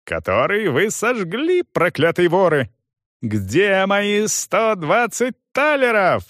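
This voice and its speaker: A shrill, screaming young hothead. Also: male voice, sing-song, takes it slowly, fairly bright tone, no room sound, clean studio sound, exaggerated voice. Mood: shrieking rage. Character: hot-headed young man, shrieking, furious.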